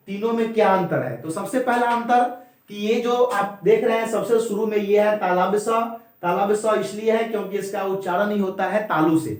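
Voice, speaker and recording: A man with a high voice teaches grammar at a board. He goes slowly and repeats each point as he talks straight to his students. The sound rings with heavy echo, as in a bare, hard-walled room. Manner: slow, repetitive drilling, addresses students directly. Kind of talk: board lesson. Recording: very echoey room.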